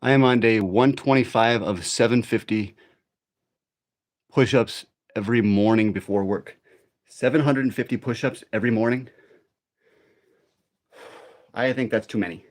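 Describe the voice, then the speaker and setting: Speaking at normal speed with frequent pauses, a middle-aged man with a medium-pitched voice runs a live workout. His chat with the audience is relaxed and meandering.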